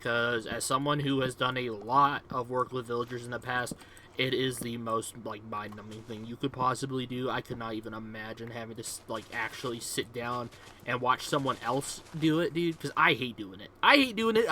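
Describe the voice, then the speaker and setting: A man's voice: mid-range voice, fairly even intonation, a little fast, sharp tone, slight background noise. A young man, casually commentating on his own gameplay in a rambling, upbeat way, full of fillers. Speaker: gaming video host.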